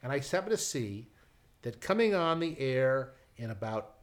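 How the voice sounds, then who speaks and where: A middle-aged man spins a casual anecdote as a television writer, in a medium-pitched voice. He tells it in a lively way, with many restarts and side remarks. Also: normal speed. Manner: lively storyteller, frequent restarts and asides.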